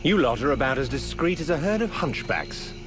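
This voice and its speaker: A sardonic, haughty elf archer played by a man in a video game, taunting with articulate wit. His mid-pitched voice swings animatedly over loud music. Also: sing-song, brisk, close to an everyday voice. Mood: mocking, menacing. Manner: sarcastic, mocking, articulate. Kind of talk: video game character acting. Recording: music behind the voice.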